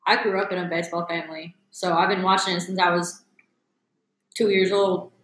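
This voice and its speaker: A woman's voice: lowish voice, little pitch movement, fairly quick, fairly bright tone, echoey room, poor audio. A woman in her twenties, a podcast guest, speaking briefly and easily. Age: 20s. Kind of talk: casual podcast chat.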